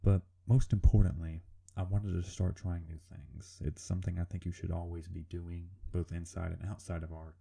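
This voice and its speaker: A man speaks in a low, gravelly rumble with a very dark tone, like a serial killer. He narrates his drawing informally, hesitating and putting himself down as he goes. His language is casual and sweary. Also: flat delivery, moderate pace. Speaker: artist narrating a drawing video. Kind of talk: informal drawing commentary voice-over.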